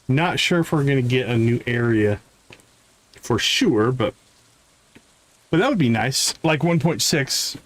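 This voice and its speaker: A game streamer casually comments on his live gameplay in an animated, medium-pitched voice. He keeps a measured pace and pauses often, mostly talking to himself in short remarks and repeating words as he thinks, with music playing behind him.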